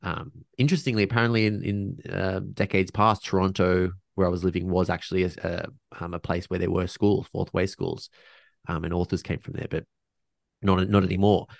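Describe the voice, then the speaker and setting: A man's voice: low voice, little pitch movement, brisk, creaky, dry recording, clean studio sound. A man speaking as a podcast guest in casual conversation, reflective and earnest, restarting sentences often and sprinkling in slang.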